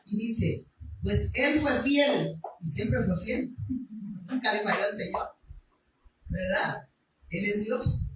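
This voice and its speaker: A woman's voice: medium pitch, lively intonation, slow pace, long pauses, fairly bright tone, slight background noise. A woman preaching a sermon, reading from the Bible and speaking emphatically, with rhetorical questions and raised passages. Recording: echoey room, mic far off.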